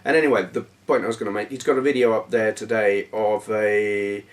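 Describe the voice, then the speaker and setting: A man with a hoarse, failing voice, hosting his gaming channel and rambling casually to camera with plenty of fillers and self-deprecating asides. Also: on the low side, steady tone, brisk, distant mic. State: hoarse, voice going. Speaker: YouTube gaming channel host.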